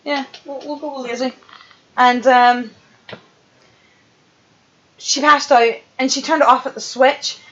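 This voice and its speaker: A woman's voice: high voice, steady tone, slow, pauses often, fairly bright tone. A woman hosting a casual stream, telling sweary, chatty stories. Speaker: streamer host. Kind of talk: casual chat. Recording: muffled lo-fi stream audio.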